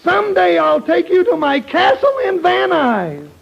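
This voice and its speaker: Radio parody prince: very high, slow, brash and sappy, slangy lover boy, vintage muffled broadcast. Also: very animated, vocal fry, full character voice. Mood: swaggering, sweet-talking. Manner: cutesy sweet-talk mixed with slangy boasting. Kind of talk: 1930s radio comedy parody acting. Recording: dull 1930s radio broadcast with music.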